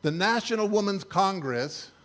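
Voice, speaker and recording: A man's voice: high voice, lively intonation, normal speed, fairly bright tone. An older man, a church speaker, giving a sermon-style talk with slides in a wry, incredulous, conversational way.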